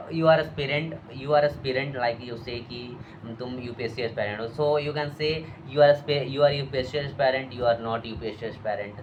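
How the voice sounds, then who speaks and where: A young man runs through practice sentences in a halting, filler-heavy way, slipping into Hindi to explain. His voice sits at an ordinary middle pitch, and a faint hum of room ambience sits behind him. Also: dull audio. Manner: halting, many fillers and restarts, mixing Hindi and English. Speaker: English practice teacher. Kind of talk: casual spoken English drill.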